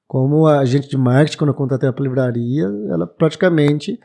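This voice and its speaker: Mellow-voiced Brazilian man in his twenties. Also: mid-range voice, fast talker. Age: 20s. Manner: reflective, hesitant restarts. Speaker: bookshop owner, guest. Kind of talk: casual podcast interview.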